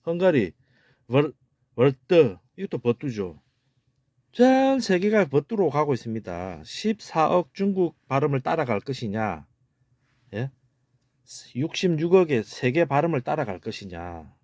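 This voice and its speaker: A man's voice: on the high side, big pitch swings, measured pace, darkish tone, no room sound, studio quality. A man giving a casual video lecture on word origins, talking emphatically, repeating words and asking rhetorical questions. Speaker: amateur language lecturer.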